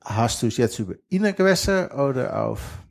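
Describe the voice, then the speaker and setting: With a creaky, medium-pitched voice and lively intonation, this middle-aged man talks at a moderate pace. A lifelong sailor from the western Netherlands, he's being interviewed casually and speaks plain German, slipping on grammar, with a strong Dutch accent.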